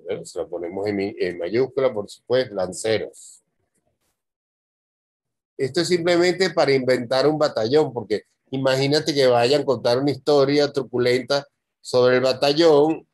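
A man's voice: medium pitch, normal speed, a little mellow, no echo. A man reviewing a student's screenplay, thinking aloud as he reads and stopping to fix details. His voice sits in an ordinary middle register. The recording is dry and close, with no room sound. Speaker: screenwriting teacher. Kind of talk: script review.

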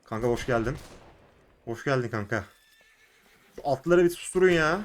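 A young man with a Turkish accent giving casual commentary as he plays an online game, shouting in fights and muttering between them. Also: medium pitch, normal speed, a little hiss or hum. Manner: excitable, shouts and laughs during fights, mutters to himself between. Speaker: gaming YouTuber.

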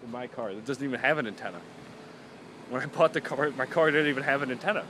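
A man's voice: mid-range voice, quick pace, noisy background. A young man in a casual, rambling vlog, filmed outdoors in a parking lot. He is chatty and self-mocking, and often trails off and restarts. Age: young adult. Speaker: vlogger. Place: outdoors in a parking lot beside parked cars.

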